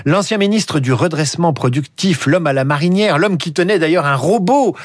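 A man with a slightly husky, fairly high voice presents a chatty radio press review from a studio. His delivery is lively and full of asides, and the dry sound carries no room echo. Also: moderate pace.

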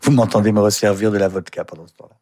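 A man's voice: fairly low pitch, steady tone, racing, a little mellow. A male radio host interviewing a guest in an easygoing, joking way, with hesitant fillers.

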